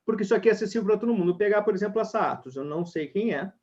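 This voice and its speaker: A man's voice: high voice, expressive, rapid-fire, a little mellow. A man leading an online sales webinar, talking energetically straight to the audience. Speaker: sales trainer. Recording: dull lo-fi webinar audio.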